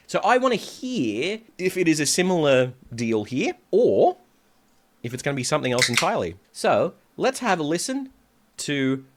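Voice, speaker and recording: A man hosting a music reaction as a vocal coach. His voice sits at a middle pitch. He talks in a chatty way and picks apart the harmonies and vocal layers as he goes. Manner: chatty and analytical, breaking down harmonies.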